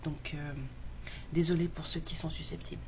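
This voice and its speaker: A woman's voice: low-pitched, little pitch movement, normal speed. A woman hosting card-reading guidance in a casual, blunt, unscripted monologue, speaking with one side of her mouth numb from the dentist. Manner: blunt, unapologetic, colloquial. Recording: dull muffled sound, faint background noise.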